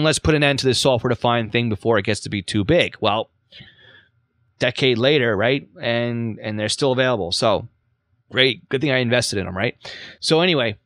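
A man's voice: medium pitch, a bit bright, no echo, clean studio sound. A man with a New York accent hosting a casual spoken lesson, chatty, repeating himself with self-mocking asides. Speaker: podcast host and teacher.

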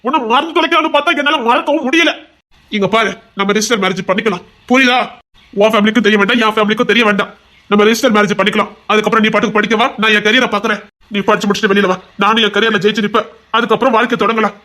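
A man's voice: high voice, steady tone, rapid-fire, bright, forceful tone. A man with a Tirunelveli Tamil accent playing a young male heart doctor, a possessive lover who pleads and turns to threats. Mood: insistent. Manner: pleading, insistent, turning threatening. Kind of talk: audio drama acting.

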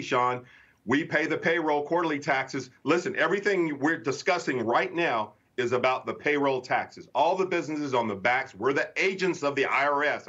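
A man's voice: medium pitch, fairly bright tone. Emphatic man on a dull news feed. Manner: emphatic, repeats the host's name often. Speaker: political commentator guest. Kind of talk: cable news interview.

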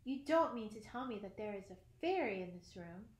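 A woman's voice: mid-range voice, expressive, fairly quick, natural voice. A woman voicing an eager, curious young girl, easily delighted, speaking in breathless wonder in a storybook reading. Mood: excited. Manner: breathless wonder, full of questions. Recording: roomy echo.

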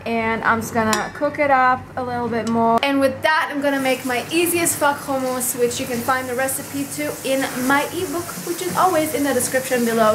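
In a casual cooking vlog shot on a handheld camera in a small apartment kitchen, a woman in her twenties chats bubbly and enthusiastically, tasting food on camera. Her voice is high, and the background is noisy.

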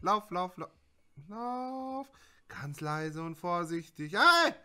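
A man commenting on a voice-controlled game, swinging from muttering to shouting and cursing at it. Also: high voice, lively intonation, slow pace, smooth, faint music behind. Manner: shouts and swears at the game, jumps from mutters to yells. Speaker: gaming YouTuber. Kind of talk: let's play commentary.

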